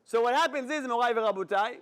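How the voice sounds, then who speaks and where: A man giving a sermon as a rabbi, an animated storyteller who talks straight to his audience. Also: extremely high pitch, fast. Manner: animated storyteller, acts out dialogue, addresses audience directly.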